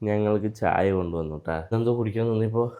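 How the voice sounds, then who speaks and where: A man's voice: on the low side, racing, warm tone, no echo. Chatty man filming a family vlog. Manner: chatty, talks straight to viewers. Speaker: vlogger. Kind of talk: casual daily vlog narration. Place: family home, early morning. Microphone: handheld phone.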